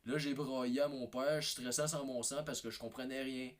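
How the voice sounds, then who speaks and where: A man's voice: mid-range voice, fairly even intonation, fairly quick. A man with a Québécois French accent telling a rambling comic anecdote, hesitant and repetitive, with many fillers and restarts. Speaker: comedy video maker.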